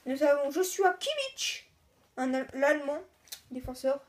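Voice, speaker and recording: Woman host with a high pitch, easygoing and a bit halting, talking viewers through an unboxing. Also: big pitch swings. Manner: halting, chatty, lists names one by one. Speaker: video host. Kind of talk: casual card-unboxing commentary.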